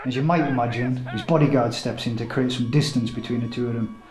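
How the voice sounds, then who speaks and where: An actor playing a witness who recounts a kidnapping in a hesitant, casual way. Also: male voice, medium pitch, steady tone, quick pace, echoey room, a crowd in the background, lightly acted, poor audio. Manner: hesitant, casual, filler-heavy.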